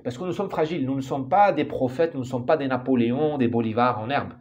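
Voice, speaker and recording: A man's voice: mid-range voice, fast, a little mellow. A man giving an opinionated monologue as an author, emphatic and full of restarts and repeated words. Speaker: author commenting on society.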